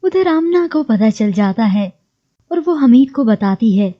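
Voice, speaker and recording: A woman narrating a recap of a TV drama in a steady storytelling read. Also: a little high, measured pace, highs cut off.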